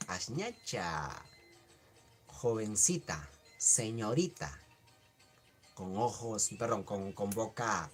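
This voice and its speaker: Man teaching Quechua words, lively pitch. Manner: repeats words slowly, answers chat questions. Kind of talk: casual live online class.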